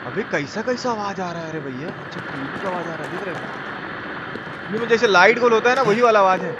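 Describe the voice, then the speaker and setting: Brisk and high-pitched, with lively intonation, an Indian streamer with a Bihari Hindi accent jokes around with viewers, cursing freely and giving colloquial live commentary on his game. The highs are cut off, and the clearly noisy recording carries game sound behind him.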